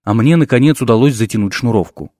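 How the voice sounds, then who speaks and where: Expressive male audiobook narrator. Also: mid-range voice, moderate pace, no room sound, clean studio sound. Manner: expressive, lively storytelling. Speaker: audiobook reader. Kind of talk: scripted fantasy narration.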